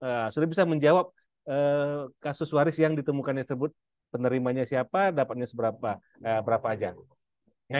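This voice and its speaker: A man's voice: mid-range voice, darkish tone, no echo. A man from Indonesia casually promoting an inheritance-law training course to a live audience. He addresses listeners directly and fills his talk with "nah" and hesitations.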